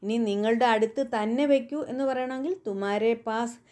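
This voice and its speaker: A woman whose first language is Malayalam, teaching everyday Hindi phrases and repeating each example slowly and carefully. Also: fairly high pitch, dark tone. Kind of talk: spoken language lesson.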